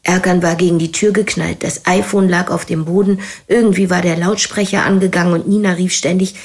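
A woman narrating a crime thriller audiobook in a brisk, dramatic way. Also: on the low side, steady tone. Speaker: audiobook reader. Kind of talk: scripted narration.

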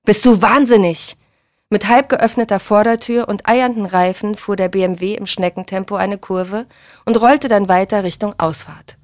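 A woman narrating a thriller audiobook in a steady, measured way. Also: mid-range voice, no room sound, studio quality.

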